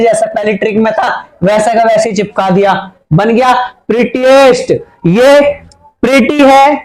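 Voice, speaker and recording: A man's voice: extremely high pitch, low-quality recording. A man teaching a playful grammar lesson at a board, chatty and teasing his students, with a Hindi accent.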